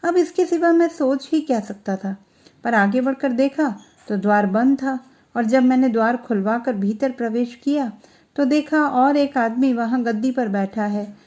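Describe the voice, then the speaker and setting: A woman with a voice on the high side narrates a literary short story, keeping a measured yet expressive storytelling manner.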